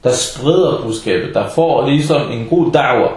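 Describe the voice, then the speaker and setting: A man's voice: medium pitch, lively intonation, a little mellow. Blunt preacher man in echoey room. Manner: blunt, scolding, sarcastic. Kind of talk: informal Islamic talk.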